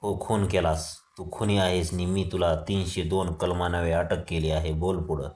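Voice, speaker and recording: A man reading the lines of a stern male police inspector who talks loudly and harshly and mocks the man he arrests. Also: sits low, little pitch movement, normal speed, roomy sound, close to an everyday voice. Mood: commanding. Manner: loud, harsh, mocking.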